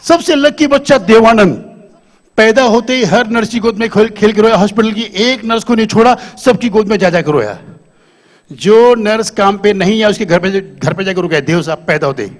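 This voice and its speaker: Fields: Man, high-voiced stand-up comedian on stage. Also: normal speed. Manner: animated, quizzes the audience. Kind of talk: live stage comedy with impressions. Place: event stage with live audience.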